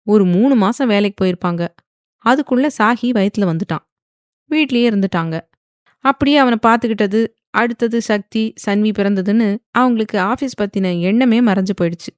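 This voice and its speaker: A woman's voice: on the high side, normal speed, darkish tone, no echo, studio quality, close to an everyday voice. A woman voicing a patient middle-aged mother who firmly lectures her daughter. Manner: firm, lecturing.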